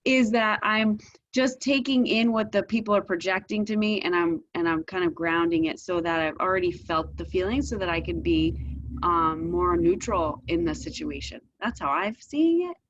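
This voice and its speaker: A woman in her forties, a qigong student, telling a personal story candidly and haltingly in a group class, with soft laughs. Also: on the low side, dull audio.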